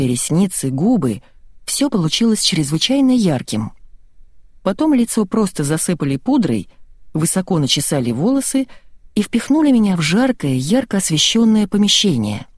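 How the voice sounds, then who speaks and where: A woman narrates a comic novel in the first person, with lively, ironic storytelling. Her voice sits fairly low but moves animatedly. The recording is dry and close. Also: dry recording. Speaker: audiobook narrator.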